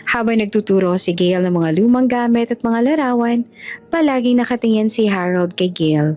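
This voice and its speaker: Lady reading a romance story, steady, soft music in the back. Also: fairly high pitch, normal speed. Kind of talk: scripted narration.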